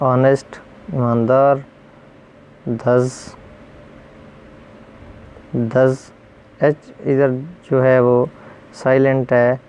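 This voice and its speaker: A man teaching English pronunciation, repeating each rule and word slowly and then giving its meaning. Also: mid-range voice, mellow, smooth, dull audio. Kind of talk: explaining pronunciation rules.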